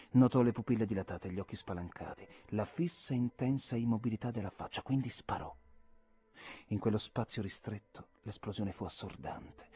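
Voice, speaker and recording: A man reading a classic novel aloud, with a measured and expressive delivery. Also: lowish voice. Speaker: reader. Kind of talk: audiobook narration.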